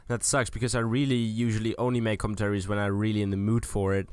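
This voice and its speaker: Young man, hesitant commentary, smooth dry sound. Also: fairly low pitch, little pitch movement, fast, darkish tone, no room sound. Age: young adult. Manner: hesitant, searching for words. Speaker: video host. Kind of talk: improvised casual video commentary.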